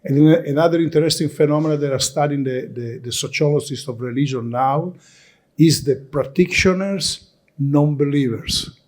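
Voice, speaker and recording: A man from Italy with an Italian accent and an Italian mother tongue, giving a lecture presentation at a conference in halting, non-native English, often restarting and repeating words. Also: a little high, darkish tone.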